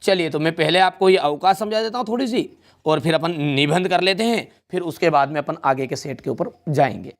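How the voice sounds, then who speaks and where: A young male teacher talks through a revision lesson one step at a time. His voice sits a little high, and he keeps checking in with his students in a friendly, easy way. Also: fairly quick.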